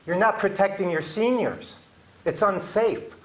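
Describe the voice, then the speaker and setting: A man's voice: sits high, measured pace, echoey room. A man giving an agitated, pleading public comment at a city council meeting.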